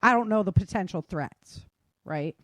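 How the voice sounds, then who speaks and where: This podcast host and author has a mid-range, expressive voice that's a bit bright, speaking at a normal speed with no room sound. An American woman leading a casual discussion, she lays out her ideas and keeps tossing in "right?" and "you know".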